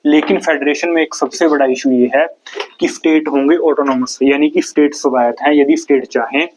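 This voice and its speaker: A man's voice: fairly high pitch, fairly even intonation, normal speed, darkish tone, slight background noise, poor audio. A man from India with a Haryanvi accent, teaching an exam-prep lecture, explaining step by step and asking and answering his own questions.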